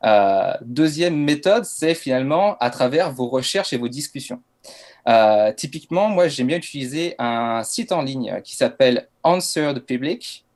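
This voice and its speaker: Man, masterclass talk, casual, hesitant fillers, mid pitch. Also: animated, normal speed, a little mellow. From France. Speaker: LinkedIn content coach. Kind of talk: masterclass presentation.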